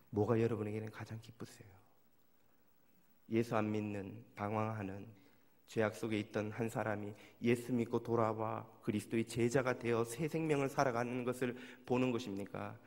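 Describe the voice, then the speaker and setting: A middle-aged man preaching a sermon as pastor, swinging between loud exclamations and hushed whispers. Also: mid-range voice, gravelly. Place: church sanctuary. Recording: long hall reverb of a church.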